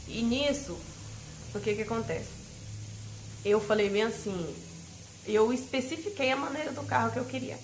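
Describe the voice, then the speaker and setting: A woman's voice: fairly high pitch, moderate pace, long pauses, slight background noise. A woman with a Brazilian Portuguese accent telling viewers a personal faith story in an emphatic way, speaking to them directly. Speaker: family vlogger. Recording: roomy echo, faint ambience.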